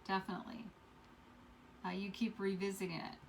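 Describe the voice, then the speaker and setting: A woman's voice: mid-range voice, little pitch movement, brisk, distant mic, a little hiss or hum. Rambling woman reading tarot cards. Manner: rambling, repeats words, many fillers. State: coughing fits. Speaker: tarot reader. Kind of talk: casual tarot reading to camera.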